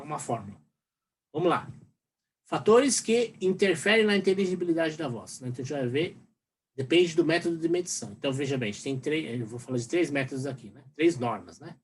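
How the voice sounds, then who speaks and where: A man's voice: a little high, husky. A Brazilian man teaching a university lecture in a rambling way, full of fillers and tag questions. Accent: Brazilian Portuguese. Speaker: university professor. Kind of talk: recorded lecture.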